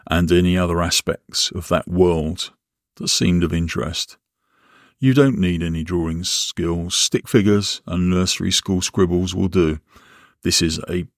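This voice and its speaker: Deep-voiced man guiding a relaxation exercise. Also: no echo, clean studio sound. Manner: measured, instructional, with deliberate pauses. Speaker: guided visualisation instructor. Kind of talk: guided relaxation and visualisation narration.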